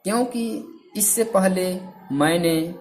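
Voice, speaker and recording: A man reading aloud and voicing a timid young woman servant who speaks softly and tremblingly. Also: high-pitched, slow, faint music behind, pitched above the performer's own voice. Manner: trembling, soft, frightened.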